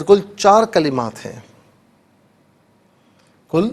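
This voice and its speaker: A man with a high, gravelly voice teaches on a religious TV show. He explains grammar step by step and spells out letters and vowels one by one. His studio microphone keeps the sound close. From Pakistan. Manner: chants recitation in long melodic lines. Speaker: Quran teacher and show host. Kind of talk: religious TV lesson on Quran recitation.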